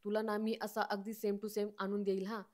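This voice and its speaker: A woman voicing an easygoing young man who tries to calm others in a retold story. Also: sits high, moderate pace, close to an everyday voice. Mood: placating.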